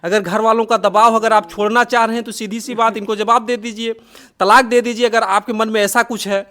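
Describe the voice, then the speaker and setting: A man's voice: high voice, level tone, a little fast, sharp tone. A man interviewing a woman for a news-style video, talking in an earnest, sympathetic way.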